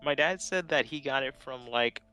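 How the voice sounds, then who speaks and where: A man's voice: mid-range voice, normal speed, pushed and bright, clean tone, faint music behind, low-quality recording. A man chatting casually, rambling and laughing often. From Philippines. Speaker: streamer chatting while drawing. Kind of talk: casual chat.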